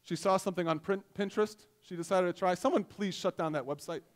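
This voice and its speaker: High-voiced male pastor preaching conversationally. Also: fast. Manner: conversational, self-deprecating storytelling with gestures. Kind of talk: sermon. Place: church stage, indoors. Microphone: headset mic.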